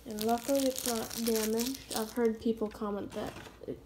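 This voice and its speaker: A woman giving a casual unboxing review of a scale model, filmed on a phone, hesitant with many ums and pauses. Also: on the high side, fairly even intonation, noisy background. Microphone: phone camera.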